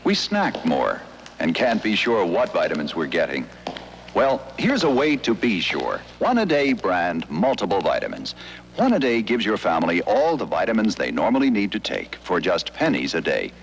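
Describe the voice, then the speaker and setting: A man announces a vintage TV commercial in a fairly low voice. His intonation moves up and down in a lively way, with faint noise on the old recording. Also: normal speed. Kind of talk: scripted vintage TV ad pitch.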